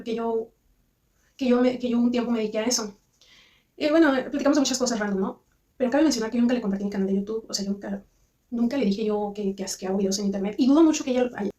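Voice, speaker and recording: Fast-talking Mexican woman, mellow voice. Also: mid-range voice, distant mic. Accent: Mexican Spanish. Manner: rambling, many restarts and fillers, chatty. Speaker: vlogger. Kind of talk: casual storytime monologue.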